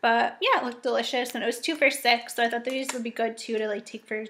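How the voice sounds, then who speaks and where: A woman's voice: on the high side, steady tone, fast talker, a bit bright, a little hiss or hum. A young woman talking casually to her webcam at home, chatty and upbeat with frequent ums and likes. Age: young adult. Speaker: vlogger. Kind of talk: casual grocery haul vlog. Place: home dining room indoors.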